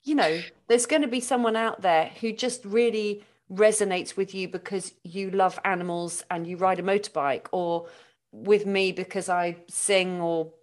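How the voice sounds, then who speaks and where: A woman's voice: medium pitch, normal speed. A woman hosting a casual, conversational interview, sharing her own thoughts as well as asking questions. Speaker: interviewer, fellow doula.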